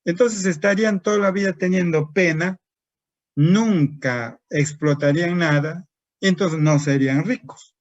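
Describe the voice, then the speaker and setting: A man's voice: on the high side, unhurried, dry recording. A man giving a lecture to teachers as a trainer, asking and answering his own rhetorical questions. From Peru. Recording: dry, dull lo-fi recording.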